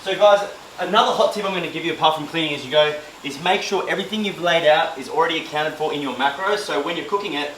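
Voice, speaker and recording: A man talks through his meal prep in a loose, joking, self-mocking way, his voice sitting a touch high for a man. The camera mic picks him up in an echoey home kitchen with a faint sizzle of pans behind him. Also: fast talker, hardly any pauses, a bit bright. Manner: chatty, jokey, self-mocking, loose with fillers. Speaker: fitness vlogger doing meal prep. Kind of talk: casual cooking vlog. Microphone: camera mic, filmed by a helper. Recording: roomy kitchen with faint cooking noise.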